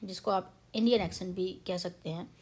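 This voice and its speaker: एक युवा भारतीय महिला, भारतीय लहजे में, हिंदी और अंग्रेज़ी मिलाकर, धैर्य से उच्चारण का पाठ बातचीत के अंदाज़ में समझाती है।. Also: female voice, lowish voice, steady tone, normal speed, darkish tone, breathy edge. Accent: Indian English. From India. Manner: chatty, mixes Hindi and English, explains patiently. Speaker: pronunciation teacher. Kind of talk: casual spoken lesson.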